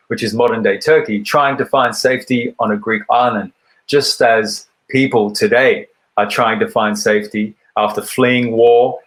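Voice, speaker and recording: Calm, measured man retelling an ancient myth. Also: lowish voice, low-quality recording. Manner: measured, thoughtful storytelling with deliberate pauses; recites poetry in a raised, rhythmic voice. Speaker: poet and speaker. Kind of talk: reflective storytelling talk.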